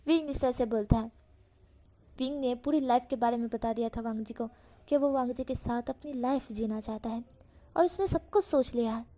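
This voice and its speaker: A woman's voice: on the high side, dark tone. A woman casually telling a fan fiction story in a chatty way, correcting herself as she goes. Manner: chatty, with fillers and self-corrections.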